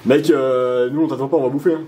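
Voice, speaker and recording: A man's voice: medium pitch, steady tone, quick pace, mellow. A man chatting casually and jokingly with friends inside a cave, in slangy language with swearing, with cave echo. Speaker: vlogger filming a caving trip. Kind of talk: casual chat among friends. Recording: cave echo, music behind.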